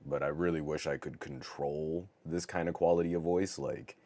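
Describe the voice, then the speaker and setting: A middle-aged man hosting a live tech podcast, talking with a scratchy, sick-sounding voice in an excitable, over-the-top way with stammered restarts. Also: extremely low pitch, normal speed. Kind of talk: casual live-stream chat.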